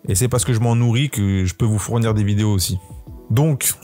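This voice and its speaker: A man's voice: on the low side, fairly quick, warm tone, soft background music. A man, talking casually to camera about his channel, rambling with lots of fillers and restarts. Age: 20s. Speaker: YouTuber hosting his own podcast. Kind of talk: casual solo talk to camera.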